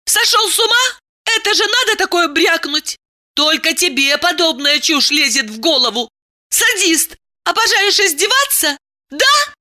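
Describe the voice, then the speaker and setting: A woman reading an audiobook voices a proud, hysterical woman who shouts in outrage. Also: animated, measured pace, full character voice. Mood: furious. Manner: shrill, indignant, shouting. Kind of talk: audiobook character voice.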